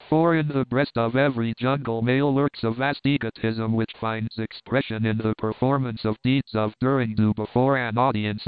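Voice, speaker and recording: A man narrates an adventure story in a steady, measured way at a mid pitch. His voice is crisp and resonant. The recording is dry, with no room sound, and thin like a phone line. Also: no room sound. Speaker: audiobook narrator.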